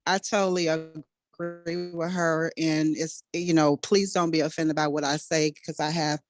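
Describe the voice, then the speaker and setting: A woman's voice: low-pitched, little pitch movement, soft background music. A middle-aged woman speaking earnestly on a group phone call, her voice fading in and out as the connection breaks up. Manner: earnest, hesitant, halting with repeats. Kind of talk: casual group chat.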